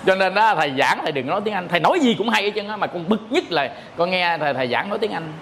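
Chatty monk, high voice. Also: male voice, lively intonation, racing, creaky, a bit bright, slight background noise. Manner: chatty storytelling, repeats words, asks "hiểu không?". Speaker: Buddhist monk giving a dharma talk. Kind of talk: humorous dharma talk.

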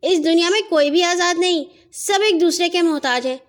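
Woman playing a soft-spoken key who lectures kindly, very high voice, kids' audio tale. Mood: coaxing. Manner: soft, patient, explaining. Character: patient, wise female key who lectures gently. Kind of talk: children's audio story.

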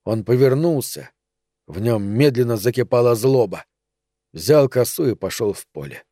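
A man narrating a literary story in a measured, dramatic way with long pauses. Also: medium pitch, animated, warm tone, no room sound, studio quality. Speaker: audiobook narrator.

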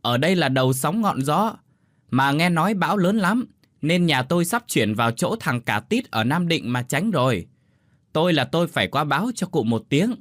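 A man voicing a loud, bossy elderly village woman who shouts and fusses at her deaf neighbor in an audio story. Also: medium pitch, very animated, brisk, dry recording, clean studio sound, pitched above the performer's own voice, close to an everyday voice. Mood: urgent shouting. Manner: shouting, urgent, scolding.

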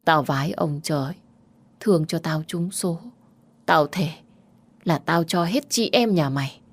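A blunt middle-aged country aunt with a low voice and coarse, familiar speech, as a woman storyteller puts her on. She talks plainly and gruffly about hard things. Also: measured pace. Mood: grim.

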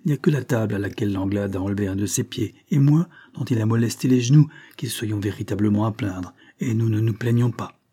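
A man reading aloud and voicing a calm, shrewd police agent who lectures a violent convict in a cool, reproachful tone. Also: lowish voice, fairly quick, hardly any pauses, breathy edge. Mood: calm, explaining.

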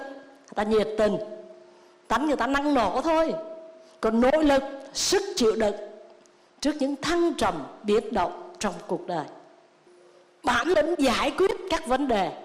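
A Buddhist nun giving a sermon, telling stories and acting out the lines of the people in them. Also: female voice, a little high. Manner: storytelling with lively quoted dialogue. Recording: long reverb of a hall.

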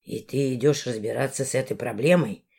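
A woman voicing a stern, protective male raven in a storybook reading, with a low, grave voice and curt questions. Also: a little fast, gravelly, dark tone, breathy edge, exaggerated voice. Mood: wary.

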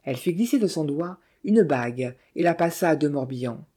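Dark-toned audiobook narrator. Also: mid-range voice, expressive, brisk, husky. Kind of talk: scripted literary narration.

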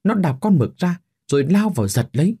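Guy narrating a sad story, husky voice, lots of pitch movement, soft music behind. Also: a little fast. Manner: expressive, dramatic reading.

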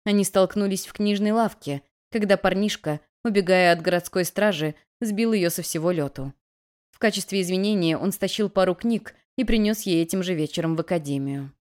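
A woman reads a first-person fantasy story with lively, expressive delivery. Her voice sits a little lower than most women's. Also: brisk. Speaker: audiobook narrator.

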